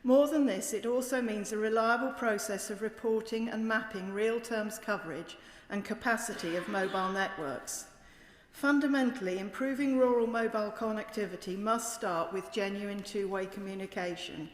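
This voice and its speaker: A woman's voice: mid-range voice, moderate pace. British woman giving an echoey parliamentary speech. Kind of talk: formal parliamentary debate speech. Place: large indoor debating chamber. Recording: echoey chamber with long reverb.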